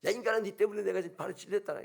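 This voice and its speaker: A man with a Gyeongsang accent voicing a furious, hot-tempered first man who shouts accusations at his wife. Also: fairly high pitch, fast talker, vocal fry, slightly rough. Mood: angry. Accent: Gyeongsang Korean.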